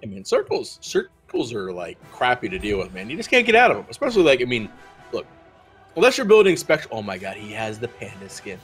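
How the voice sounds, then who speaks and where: Male esports caster, rambling commentary, ordinary mid pitch, faint music behind. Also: huge pitch swings, a little fast, a bit bright, husky. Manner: rambling, filler-heavy analysis.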